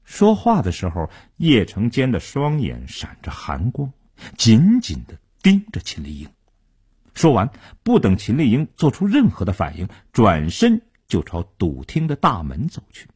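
A man's voice: fairly low pitch, wildly swooping pitch, a little slow, a little mellow, slightly rough, no room sound, studio quality. A man narrating a story in the Chinese storytelling style, with a dramatic delivery. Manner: dramatic, widely varied delivery.

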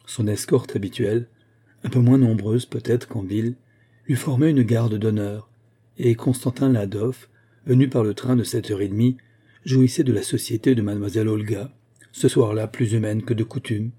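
Dark, husky male audiobook narrator. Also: on the low side, steady tone, moderate pace.

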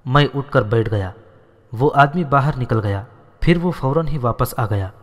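A man narrating a story in a steady, measured manner. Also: mid-range voice. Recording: long reverberant echo.

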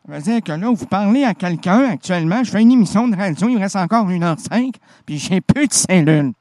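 A man's voice: high voice, no echo. A man hosting a radio show, joking and rambling in a playful, goofy way with a nasal voice. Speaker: radio host. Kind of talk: comic radio banter.

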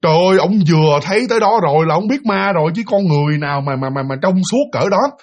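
Speaking with a Southern Vietnamese accent, a man casually and animatedly retells a ghost story, his talk full of fillers and repeated words. His voice is a little high and he speaks fast.

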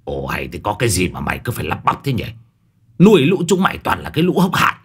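A man voicing an irritable, foul-mouthed old landlord in a spoken ghost story, with a gruff, scolding manner. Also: a bass voice, a little slow, fairly bright tone, pitched below the performer's own voice, heavily acted. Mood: furious. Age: older.

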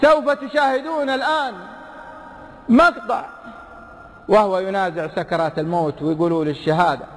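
Emphatic preacher in a hall. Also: male voice, moderate pace, long pauses, fairly bright tone. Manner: emphatic, swinging between low asides and high exclamations. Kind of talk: sermon. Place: large hall before a big audience. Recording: long hall reverb.

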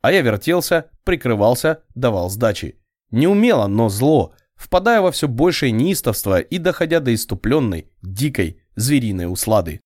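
Expressive male audiobook narrator. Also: mid-range voice, normal speed, no echo, studio quality. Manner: expressive, ironic storytelling. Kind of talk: scripted first-person audiobook narration.

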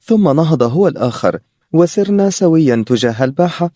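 A man narrating a novel as an audiobook in a steady, even storytelling voice. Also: fairly high pitch, brisk, dry recording, clean studio sound.

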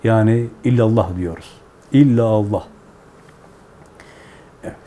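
Man as Sufi teacher, very dark timbre, low voice, measured repetitive phrasing. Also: a little hiss or hum. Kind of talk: devotional teaching to callers.

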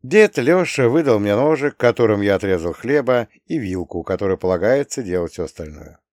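A man's voice: fairly low pitch, expressive, a little fast, darkish tone, no room sound, clean studio sound. A man narrating an audiobook in a wry, ironic manner.

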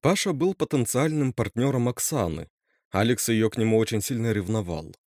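A man narrating a scripted horror story in an expressive way, doing all the characters' voices himself. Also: mid-range voice, moderate pace, no room sound, studio quality.

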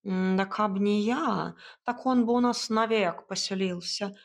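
A woman voicing a proud, grumbling male house cat who talks slowly and purrs between words in an audiobook. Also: medium pitch, fairly even intonation. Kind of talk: audiobook character voice.

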